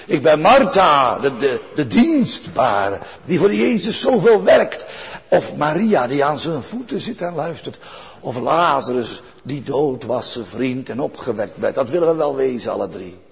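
A man's voice: medium pitch, sing-song, unhurried, gravelly, slightly rough. An older man preaching a sermon in an earnest way, repeating key phrases for weight. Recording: dull recording with long church reverb.

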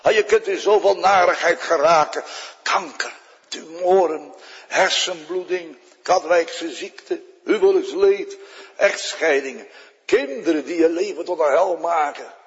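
A pastor delivers an impassioned sermon at an unhurried pace, his voice rising to loud exclamations and then dropping to hushed storytelling. The sound is dull, with a long reverb from a large church. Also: a little high, breathy edge.

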